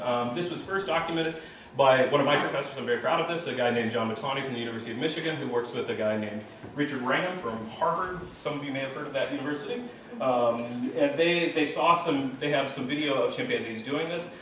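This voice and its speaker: A man giving a classroom lecture in a large room, animated, mimicking animal calls and often checking in with "right?". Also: a little high. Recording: echoey hall, mic far off, faint noise.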